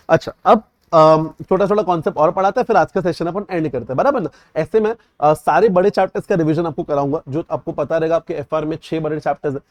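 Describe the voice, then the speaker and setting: A young man teaches at a rapid clip, his voice a little higher than most. The sound is dry and close. He keeps checking that his students have understood. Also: a little mellow, no room sound. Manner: repeatedly checks understanding, mixes English terms into Hindi. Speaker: CA exam tutor. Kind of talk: revision lecture.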